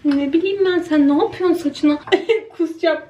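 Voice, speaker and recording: A woman's voice: very high voice, normal speed, warm tone, muffled recording. A young woman chatting casually and teasingly at home in a vlog, often giggling. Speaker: vlogger. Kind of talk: casual chat. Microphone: camera mic.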